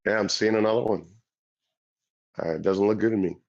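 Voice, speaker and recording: A man's voice: fairly low pitch, a little fast. A man chatting casually and joking with fellow traders in a group voice chat. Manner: joking, crude, lively. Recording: dull lo-fi online call audio.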